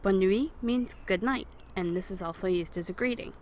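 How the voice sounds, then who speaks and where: A woman teaching a beginner French lesson, patiently explaining and modeling words slowly for learners to repeat. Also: medium pitch, darkish tone, a little hiss or hum. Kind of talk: recorded language lesson over slides.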